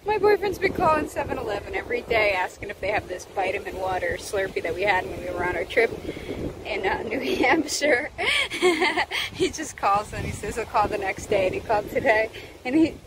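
A woman's voice: medium pitch, expressive, brisk, heavy background noise. A woman in her thirties talking casually to a phone camera held at arm's length, chatty and often exasperated. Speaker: vlogger. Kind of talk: casual vlog talk to camera. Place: outdoors and at home, varied.

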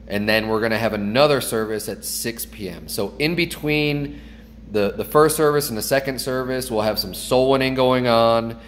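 A man's voice: on the low side, big-room sound, slight background noise. A man in his thirties, a pastor, making an earnest, upbeat announcement into a phone held at arm's length in his kitchen. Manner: earnest, upbeat, with small restarts. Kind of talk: casual church announcement. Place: kitchen at home, indoors.

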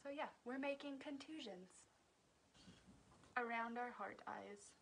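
A woman's voice: on the high side, a little slow, gravelly, fairly bright tone, slight background noise. Chatty joking woman doing makeup. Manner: chatty, joking, laughs at her own jokes. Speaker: makeup tutorial host. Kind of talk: casual livestream makeup tutorial. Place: at home.

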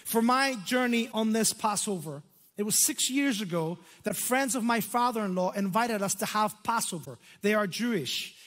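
High-voiced Irish pastor preaching. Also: male voice. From Ireland. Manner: animated and gesturing, dramatic slow emphasis on key words. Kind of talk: sermon. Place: large church stage. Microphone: headset mic. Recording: long hall reverb.

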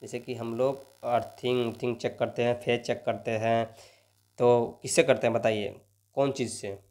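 Young male coaching teacher, mid pitch, motivational lecture delivery, constant coaxing tag questions. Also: little pitch movement, normal speed, darkish tone. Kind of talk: lecture solving exam questions.

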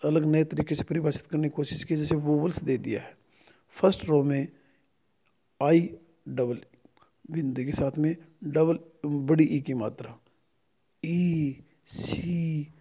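A middle-aged Indian man teaching a phonetics lesson, speaking slowly and drilling each word over and over. His voice is a touch high for a man, yet mellow and dark in tone. He speaks as a native Hindi speaker with an Indian accent. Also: fairly even intonation. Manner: slow and repetitive, drilling each word aloud several times. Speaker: English lecturer. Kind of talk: phonetics lesson explaining vowel symbols.

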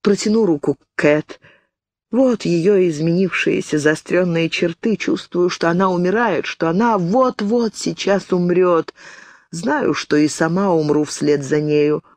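A woman voicing a brave, desperate elderly Englishwoman who speaks in a low, weak plea. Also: measured pace, a little mellow, no echo. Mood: despairing.

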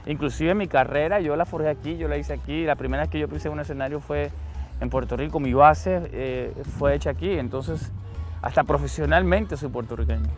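A middle-aged man from Argentina, an interview guest talking earnestly with many pauses and restarts. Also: fairly high pitch, faint music behind. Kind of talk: conversational interview. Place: outdoors.

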